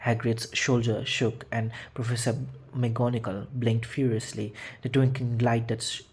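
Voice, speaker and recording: A man's voice: medium pitch, little pitch movement, unhurried, darkish tone, breathy edge. A man narrating a children's fantasy audiobook, reading with frequent slips and restarts. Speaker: audiobook reader. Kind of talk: storybook narration.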